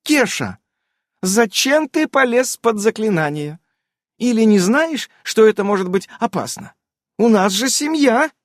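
A man voicing a fussy, flustered witch who is a wife and mother, in a high, scolding, chirping voice. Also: very animated, unhurried, no room sound, studio quality.

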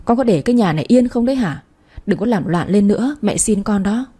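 A woman's voice: mid-range voice, expressive, fairly quick, dark tone, slightly rough. A woman voicing a flustered middle-aged mother who scolds one daughter and dotes on the other. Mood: exasperated scolding. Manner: scolding, exasperated.

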